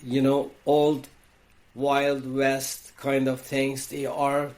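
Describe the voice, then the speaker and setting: Man, iranian accent, podcast guest, unhurried and reflective, medium pitch, restarts his sentences. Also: monotone, darkish tone. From Iran. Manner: slow, thoughtful, with frequent restarts. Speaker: podcast guest, wellness coach. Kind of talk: reflective interview talk.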